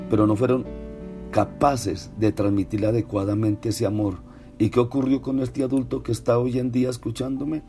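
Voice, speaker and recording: A man preaching a sermon in an earnest manner, repeating words for emphasis. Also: medium pitch. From Colombia. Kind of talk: radio-style sermon. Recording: soft guitar music behind. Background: faint guitar music.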